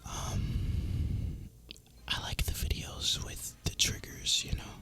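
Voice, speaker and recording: A man hosts an ASMR gaming video in a breathy, unvoiced whisper, rambling casually and sounding relaxed. His pace is slow.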